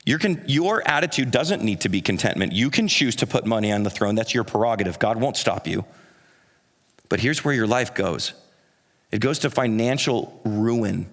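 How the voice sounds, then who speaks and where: A man's voice: on the low side, animated, moderate pace. A man preaching a sermon as pastor, in an earnest, conversational way that builds through repeated phrases. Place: church sanctuary. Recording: reverberant church hall.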